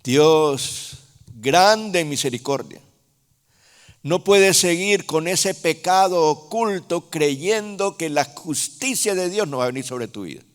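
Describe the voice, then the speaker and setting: A man preaching a sermon in a Honduran Spanish accent, speaking slowly and emphatically, with sudden loud rises and soft drops. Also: a little high, lively intonation, clear, resonant tone. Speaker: apostle preaching. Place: large church hall. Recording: reverberant church hall.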